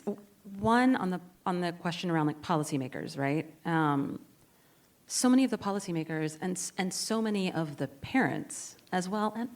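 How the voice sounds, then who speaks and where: Wry, lower-voiced woman on a panel. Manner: wry, joking asides. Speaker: panelist at a live podcast taping. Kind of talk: live panel discussion. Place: conference stage before an audience.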